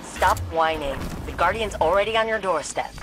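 An actress voicing a blunt, wry female engineer in a game cutscene, talking in a brisk, sarcastic way. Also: on the low side, animated, noisy background, lightly acted. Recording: game dialogue over loud music. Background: music.

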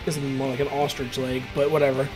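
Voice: medium pitch, level tone, fast talker, over music. A gameplay commentator talking casually over a match, rambling and ranting with plenty of filler words. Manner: rambling, ranty, laid-back with filler words.

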